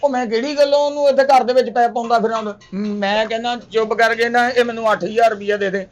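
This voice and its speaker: Fast high-voiced Punjabi man ranting. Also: steady tone, a little hiss or hum. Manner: loud, hectoring, threatening. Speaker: angry customer demanding money. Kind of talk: village comedy sketch.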